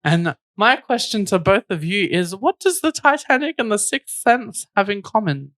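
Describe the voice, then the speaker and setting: A podcast host with very lively, swooping intonation and a mid-range voice, recorded close and dry. The talk is casual and comedic, with teasing jabs and animated storytelling. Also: medium pitch, normal speed, no room sound.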